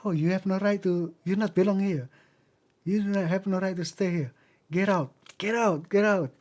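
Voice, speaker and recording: A man's voice: on the high side, fairly even intonation, very slow. A man voicing angry spirits of the dead who drive an intruder out of a military cemetery. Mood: hostile. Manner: hostile, shouting people away.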